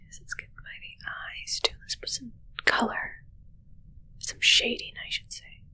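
Set in a small, dark room with curtains, this whispered ASMR roleplay features a woman as a haughty, fussy witch tending her undead familiar. Her tone is bright and forceful, yet she murmurs slowly, breathily and condescendingly right up against a close ASMR microphone.

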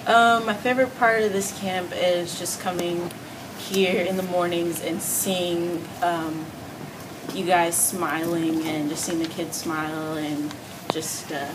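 A woman's voice: on the low side, fairly even intonation, slow pace, distant mic, background noise. A young woman camp counselor answering an interview casually and hesitantly, with many fillers.

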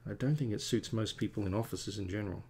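A comic artist in his forties draws at his desk in his home studio while chatting to stream viewers in a rambling, self-deprecating way. He talks fast in a lowish, slightly mellow voice, with a bit of background noise.

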